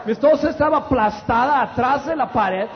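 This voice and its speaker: A middle-aged preacher with a very high voice, telling stories in an animated, loud rush with stammered restarts. His voice carries through a long-echoing hall on a dull recording, a congregation faintly audible behind him. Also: moderate pace, some chatter behind. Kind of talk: humorous storytelling sermon. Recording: dull, echoey hall with audience.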